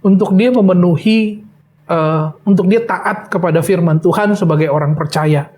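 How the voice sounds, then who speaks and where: Man, middle-aged, hesitant emotional testimony, slightly high voice. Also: a little mellow. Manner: hesitant, many pauses and fillers. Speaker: interview guest, bereaved father.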